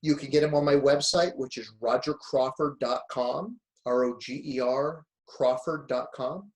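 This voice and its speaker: A man of around sixty, a guest speaker and author, talking in a relaxed, reflective way and telling stories with frequent chuckles. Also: mid-range voice, normal speed. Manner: reflective, storytelling, chuckles often. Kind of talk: relaxed conversational interview.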